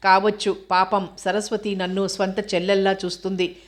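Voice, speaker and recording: A woman's voice: medium pitch, level tone, moderate pace, natural voice. A woman reading an audio novel aloud, voicing a naive, sheltered young woman who answers in short, guarded replies.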